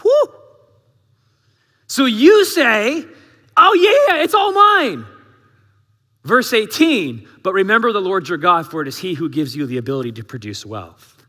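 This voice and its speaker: Unhurried and pausing often, a male pastor preaches a sermon in a big church hall where long reverb follows each phrase. His voice is high and bright, and he talks in a lively, conversational manner, directing rhetorical questions at the congregation.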